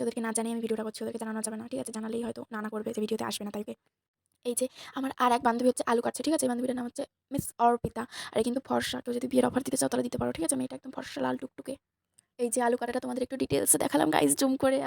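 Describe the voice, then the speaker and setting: A young woman vlogger with a Bengali accent narrates a casual vlog for her viewers, chatting with and teasing her friends along the way. Her voice is a little high and slightly hoarse, recorded at studio quality without echo.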